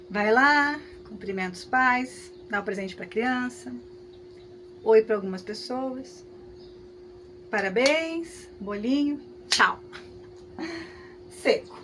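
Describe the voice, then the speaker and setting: High-voiced Brazilian woman teaching. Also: slow pace, pauses often, a little hiss or hum. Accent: Brazilian Portuguese. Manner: lively, conversational, frequent tag questions. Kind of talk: lecture with hypothetical examples.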